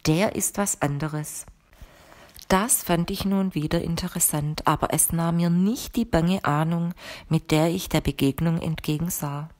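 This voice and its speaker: A woman narrating an audiobook in the first person with a measured, even reading. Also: lowish voice.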